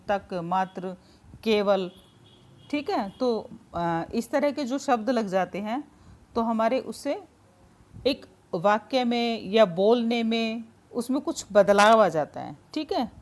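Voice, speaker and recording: A woman's voice: fairly high pitch, darkish tone. A woman teaching a grammar lesson in a patient, informal way, explaining with many everyday examples and checking in often.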